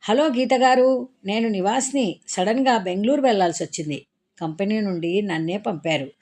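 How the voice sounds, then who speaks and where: Reading a Telugu audiobook story, a woman voices an apologetic, affectionate young man soothing his crying girlfriend, lightly acting with a tender mood. Her voice is medium-pitched with a darkish tone, at a moderate pace, pitched above her own natural voice.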